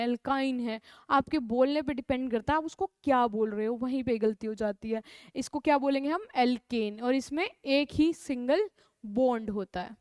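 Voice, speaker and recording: High, clear-voiced woman teaching chemistry. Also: a little mellow, no echo. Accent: North Indian. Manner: repeats key terms, asks and answers own questions; calls students "beta", coaxing. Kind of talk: classroom lecture.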